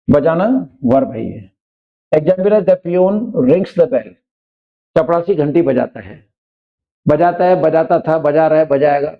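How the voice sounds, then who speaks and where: A man with a gravelly, slightly raised voice teaches English vocabulary in Hindi, slowing right down to read each English example. The recording sounds dull and lo-fi. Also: on the high side. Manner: explains in Hindi, reads English examples slowly and deliberately. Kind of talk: vocabulary lesson.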